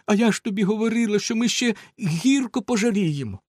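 A man reading a fairy tale aloud, voicing a grieving peasant mother who laments her lost children in a high, tearful voice. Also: expressive, a little fast, darkish tone, dry recording, clean studio sound. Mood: reproachful grief. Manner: lamenting, sobbing cries. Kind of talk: storybook reading.

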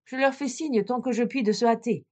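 A woman voicing Sister Anne, a young woman calling down from a tower, mostly calm in a storybook reading. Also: a little high, a little fast, voice pushed up, lightly acted.

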